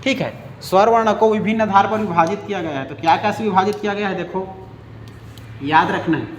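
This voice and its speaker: Male teacher, high pitch, drilling repetition, reverberant room with faint background hum. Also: fairly quick. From India. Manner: repetitive, drilling with check-ins. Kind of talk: grammar lesson. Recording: echoey room with faint ambience.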